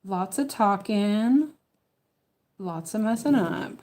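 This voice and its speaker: A woman with a lisp that slurs her s toward sh, chatting casually and haltingly as she stitches, often correcting herself and thinking aloud. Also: medium pitch, lively intonation, darkish tone. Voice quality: lisp, slushy sh for s. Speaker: craft streamer. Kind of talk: casual rambling chat while stitching.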